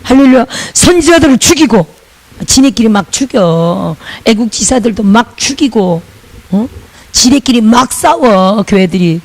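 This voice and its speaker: A woman's voice: a little high, animated, a little slow, low-quality recording. A woman pastor from Busan, preaching a sermon in a chatty way with laughing asides and call-and-repeat lines.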